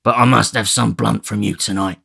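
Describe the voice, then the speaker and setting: A man voicing a brutal, surly male housebreaker who growls his words gruffly and forcefully in a storybook reading. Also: on the low side, fairly even intonation, normal speed, heavily acted. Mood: demanding. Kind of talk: audiobook character reading.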